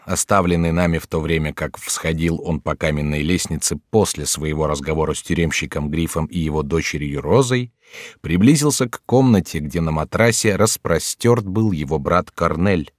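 A man narrates a classic novel in a measured, even way, with a deep, low voice. The recording is close and dry, with no room sound around him. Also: no room sound. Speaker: audiobook narrator.

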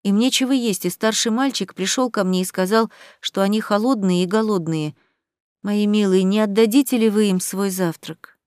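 A woman's voice: mid-range voice, normal speed, darkish tone, clean tone, dry recording, clean studio sound, natural voice. A woman reading aloud, voicing a caring mother who speaks tenderly and steadily.

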